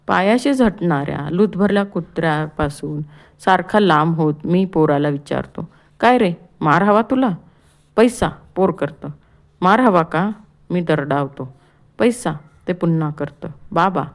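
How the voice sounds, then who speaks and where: A woman narrating a first-person story for an audiobook, measured and expressive. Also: lowish voice. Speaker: audiobook reader.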